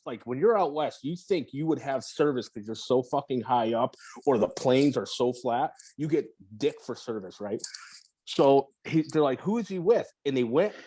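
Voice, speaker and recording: A man as a podcast guest, telling stories in a relaxed, rambling way with lots of swearing and restarts. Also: mid-range voice, slightly rough, no echo. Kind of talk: casual interview storytelling.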